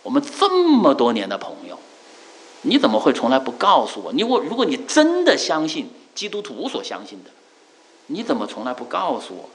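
A man's voice: a little high, huge pitch swings, normal speed, rough recording. A male preacher voicing an angry barber who scolds a longtime customer with pressing questions. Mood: indignant.

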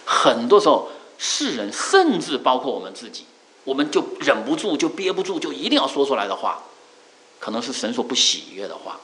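A middle-aged male preacher giving a sermon, earnest, repeating key phrases with drawn-out fillers. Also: medium pitch, very animated, a bit bright, low-quality recording.

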